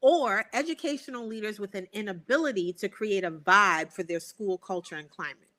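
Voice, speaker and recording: A woman's voice: medium pitch, moderate pace, sharp tone. A woman hosting a podcast, talking in an emphatic, playful and slangy way. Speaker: podcast host. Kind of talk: casual podcast chat.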